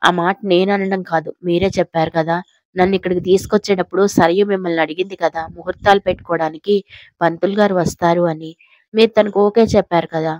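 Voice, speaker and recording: A slightly hoarse woman voicing a gentle, self-sacrificing young wife in an audio story, speaking softly and pleadingly. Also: lowish voice, steady tone, fast talker, dry recording, dull audio, natural voice.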